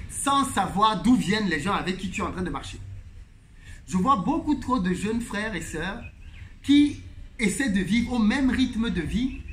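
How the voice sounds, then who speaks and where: A man's voice: high voice, a bit bright, slight background noise. A man host telling a story in a monologue, animatedly retelling a conversation with emphatic repetition.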